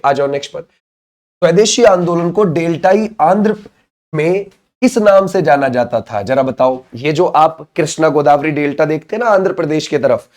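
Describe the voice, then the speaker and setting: A man's voice: on the high side, a little mellow. A man giving an exam-prep lecture who keeps asking questions and answering them himself, with frequent check-in phrases. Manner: drilling, asks and answers his own questions; repeats catchphrases to check understanding. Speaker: exam coaching teacher.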